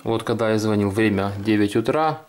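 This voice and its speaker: Slightly low-voiced man, casual tutorial. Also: normal speed, clear, resonant tone. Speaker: video host. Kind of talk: casual hands-on tutorial narration. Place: indoors at a desk.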